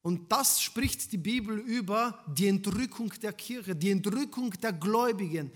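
Man, preacher, sermon, high voice, rhetorical questions, loud and hushed by turns. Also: a little slow. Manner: emphatic, swinging between loud and hushed.

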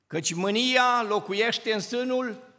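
A man's voice: very high voice, sharp tone. A man preaching a sermon, impassioned, his voice rising and dropping sharply for emphasis. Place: church. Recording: long reverb of a church hall.

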